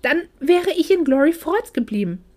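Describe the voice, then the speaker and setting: A woman's voice: high-pitched, very animated, normal speed, a little mellow, voice pushed up. A woman voicing a hurt young woman home for Christmas who lashes out at her family with indignant outbursts. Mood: hurt, angry.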